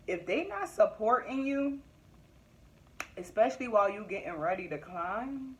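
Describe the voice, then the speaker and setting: A young woman from Philadelphia, a business owner and vlogger, giving candid motivational advice to camera in a casual, emphatic way, often laughing and repeating her points. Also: mid-range voice. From Philadelphia area, US.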